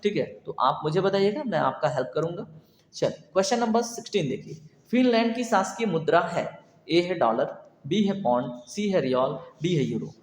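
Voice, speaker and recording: A man teaches an exam prep lecture in a high voice. He fires off questions and answers each one himself, repeating the key points. His voice rings through a roomy hall with a long echo. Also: lively intonation, moderate pace. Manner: repetitive quizzing, asks and answers himself.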